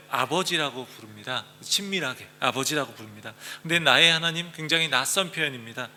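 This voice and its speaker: Bright-voiced pastor preaching in a reverberant hall. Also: male voice, fairly high pitch. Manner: earnest, reads scripture aloud and explains it. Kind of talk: sermon. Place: church.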